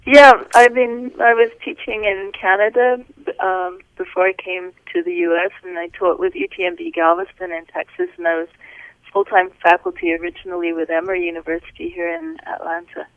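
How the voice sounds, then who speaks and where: A woman's voice: fairly low pitch, level tone, brisk, clear, resonant tone, no room sound. Welsh-raised woman on a tinny phone line. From Wales. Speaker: podcast guest, physician. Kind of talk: casual interview talk.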